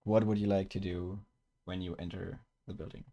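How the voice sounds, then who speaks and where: A man narrating as game master of a tabletop game, describing scenes slowly and searching for words with many fillers and restarts. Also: deep voice, little pitch movement, dark tone, lo-fi sound.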